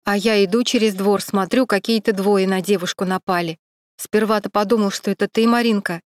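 A woman reading a calm male cameraman who soothes and explains. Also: medium pitch, brisk, lightly acted. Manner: soothing, matter-of-fact.

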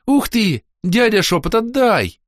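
A man's voice: on the high side, lively intonation, moderate pace, fairly bright tone, no echo, clean studio sound, voice pushed up. A man voicing a stubborn teenage girl goddess who keeps insistently demanding things, in an audiobook.

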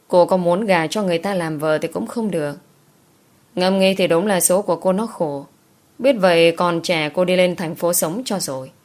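Low-voiced woman narrating a novel. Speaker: audiobook narrator.

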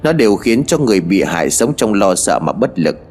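A man voicing a stern village sorcerer who speaks in a slow, grave and knowing way, in a spoken horror story. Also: on the low side, very animated, a little mellow.

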